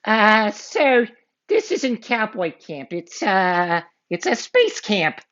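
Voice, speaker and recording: A man's voice: high voice, big pitch swings, takes it slowly, a bit bright, pitched above the performer's own voice, heavily acted. A man voicing a nervous young boy in a storybook reading, on a muffled lo-fi recording.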